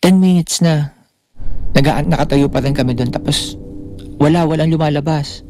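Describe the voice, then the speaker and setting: A man's voice: on the high side, normal speed, music in the background. A man co-hosting a podcast, telling a story in casual chat and acting out the voices of the people in it. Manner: animated storytelling, acting out quoted lines. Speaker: podcast co-host.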